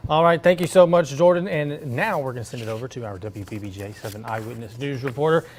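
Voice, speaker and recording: A male news anchor making brisk, upbeat handoffs to reporters. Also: mid-range voice, slight background noise. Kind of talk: studio handoffs.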